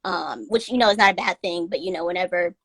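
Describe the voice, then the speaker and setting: A woman from North Carolina with a light Southern accent speaks as a guest on a casual live stream; she works as a content distributor. Her voice sits fairly low, a bit bright and slightly rough, and she talks fast, earnest and reflective, laughing easily. There's no room sound.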